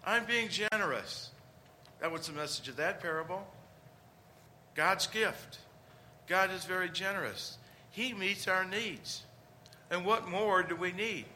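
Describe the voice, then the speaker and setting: A man's voice: high-pitched, measured pace, sharp tone, a little hiss or hum. A man preaching a conversational homily, with rhetorical questions and emphatic points.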